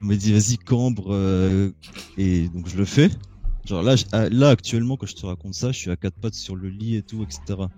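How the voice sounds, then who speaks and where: A man casually telling a crude personal story in a relaxed, joking chat, laughing as he goes. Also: deep voice, fairly quick, highs cut off.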